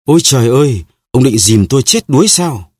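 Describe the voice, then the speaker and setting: A man's voice: low-pitched, very animated, fast, fairly bright tone, slightly rough, no room sound, clean studio sound, heavily acted. A man reading an audiobook, voicing a desperate cursed noblewoman who pleads for her life in a wailing voice. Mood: pleading.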